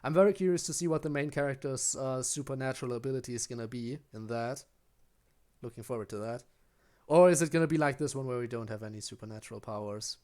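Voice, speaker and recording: During a live gaming stream, a German-accented German man talks loosely with his viewers, answering chat in a rambling way and often starting his sentences over. His voice is medium-pitched and slightly mellow, and he speaks at a quick pace.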